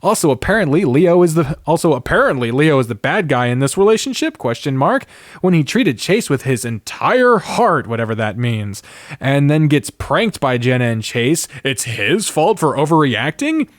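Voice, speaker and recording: This podcast host's voice sits on the high side and is very animated at a normal speed, heard dry in clean studio sound. He rants casually and with strong opinions, sardonic and exasperated, swearing plenty along the way.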